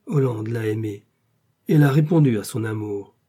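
A man plays a lovestruck, reckless duke from a period romance, declaiming with fervent, pleading passion, a melancholy streak, and a yearning mood. His natural, lowish voice is very dark and slightly husky, delivered at normal speed.

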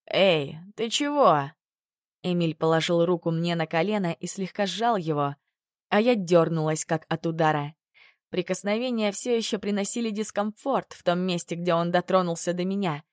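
A woman narrating a first-person novel in an expressive reading voice. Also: lowish voice, moderate pace, no room sound, studio quality. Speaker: audiobook narrator.

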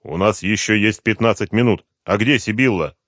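A man's voice: lowish voice, normal speed, a bit bright, no room sound, studio quality, pitched above the performer's own voice. A man playing a cool, commanding detective. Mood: measured. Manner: firm and controlled, rising to stern lecturing. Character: calm, commanding male detective, middle-aged.

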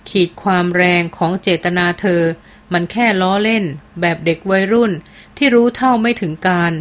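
A woman voicing a gentle teenage girl who comforts a friend in a soft, slightly trembling voice. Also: on the low side, normal speed, lightly acted. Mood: consoling.

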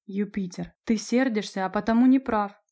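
Calm composed new schoolgirl, read by a woman. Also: mid-range voice, normal speed, natural voice. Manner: calm, even.

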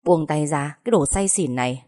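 A woman's voice: sits low, a little fast, mellow, close to an everyday voice. A woman voicing an exasperated young woman who scolds sharply, in a storybook reading. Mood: scolding.

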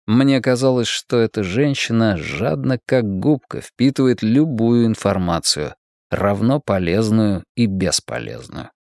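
A man's voice: lowish voice, animated, measured pace, gravelly, a little mellow, no room sound, clean studio sound. A man reading a novel aloud as the first-person narrator, telling the story expressively. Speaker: audiobook narrator.

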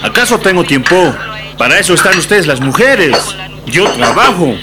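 In a radio drama, a man plays a grumbling, demanding machista working-class husband who is irritated and dismissive, with a complaining manner and a Bolivian accent. His voice is on the high side with big pitch swings, at normal speed. Music and clinking dishes sound behind him.

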